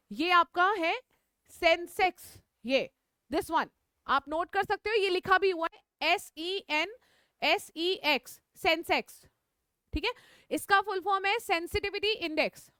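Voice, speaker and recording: A woman's voice: extremely high pitch, pushed and bright, no room sound, studio quality. A woman teacher giving a live online class, repeating key points, checking in with students and mixing English phrases into her speech. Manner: mixes English phrases into Hindi.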